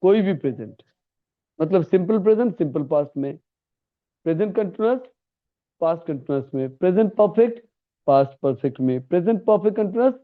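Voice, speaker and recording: Male classroom teacher, high voice, coaxing and repetitive, tinny lo-fi recording. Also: lively intonation, a little fast. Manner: coaxing, repetitive, calls students "beta". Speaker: English grammar teacher. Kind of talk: classroom lesson.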